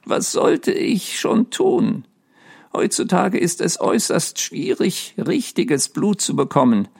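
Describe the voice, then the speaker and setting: A man's voice: wildly swooping pitch, creaky, a little mellow, slightly rough, full character voice. A man voicing a sad, sleepless centuries-old male ghost who speaks in a dreamy, plaintive way. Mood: sheepish. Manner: dreamy, plaintive, higher and slower.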